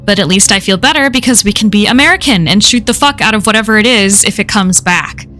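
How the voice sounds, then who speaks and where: A woman's voice: mid-range voice, a bit bright. Woman reading a creepy story aloud. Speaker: horror story reader. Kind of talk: reading a horror story aloud on a live stream.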